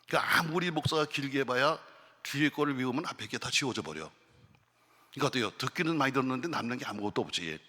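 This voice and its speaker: Bright-voiced male pastor in a reverberant hall. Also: on the low side. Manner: conversational, asks the congregation questions. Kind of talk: sermon. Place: prayer retreat chapel.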